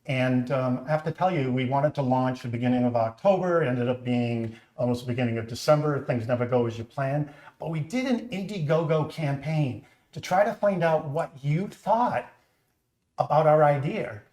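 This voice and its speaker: Hosting a relaxed live stream in his echoey home kitchen, a Boston-accented company founder in middle age tells his story in an earnest, talkative way. His mid-range voice has lively intonation and a darkish tone, at a moderate pace.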